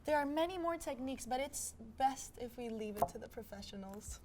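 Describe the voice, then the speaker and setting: Young woman playing a high-voiced fortune teller. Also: lively intonation, fairly quick, noisy background. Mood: mystical, instructive. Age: young adult. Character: mystical madame fortune teller explaining her craft. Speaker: fortune teller, studio guest. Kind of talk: comedy talk show demonstration. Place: TV studio set.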